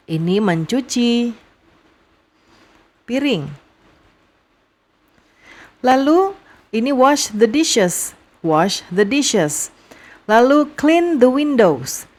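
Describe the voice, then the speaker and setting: A young woman with an Indonesian accent teaching vocabulary to young students, repeating each phrase slowly and patiently. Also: on the high side, very animated, a little mellow. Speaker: English teacher.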